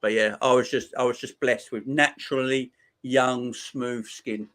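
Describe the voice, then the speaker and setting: Chatting casually and reading comments from viewers, a livestream host in his 40s talks football in a relaxed, slangy manner with frequent laughter. He has a mid-range, steady, fairly bright voice and a measured pace.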